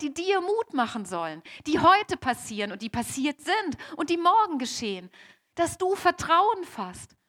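A woman preaches in the first person as a young, devout Mary, speaking slowly and emphatically, repeating key phrases and addressing the congregation directly. Her voice sits high and a bit bright, and the delivery is heavily acted.

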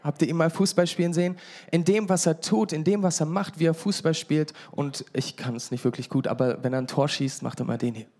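Guy in his 30s preaching, fairly high voice, chatty, cracks little jokes. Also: fairly even intonation, fairly quick, mellow. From England. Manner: conversational and chatty, joking with the congregation. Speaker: pastor. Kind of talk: sermon.

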